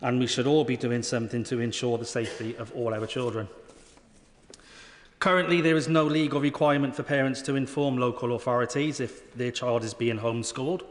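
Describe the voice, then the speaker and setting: A British man speaks in a large, reverberant debating chamber. He is a parliamentarian delivering a prepared speech, formal and earnest, at a medium pitch. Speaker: member of parliament. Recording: reverberant hall sound.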